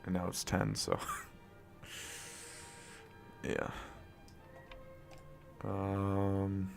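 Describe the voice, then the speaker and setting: Freshly awake with a raspy morning voice, this young man streams games from home, speaking softly so he won't wake his sleeping family. His low, a little mellow voice has a sing-song lilt and drawn-out words; he rambles, swears often, coughs, and uses lots of fillers into a close desk mic, with faint music behind him.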